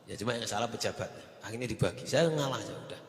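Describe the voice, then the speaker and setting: A man preaching a sermon, telling stories with animated delivery. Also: fairly low pitch, quick pace. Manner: storytelling, animated, mixes in Javanese phrases. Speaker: Islamic preacher. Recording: echoey hall with long reverb.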